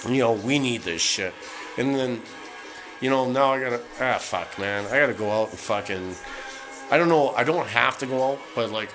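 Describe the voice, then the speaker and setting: A man with a low voice rants over music spinning on a record player, swearing nonstop in a heated, rambling way. He's a solo podcaster doing a casual, profane rant, and the recording is rough.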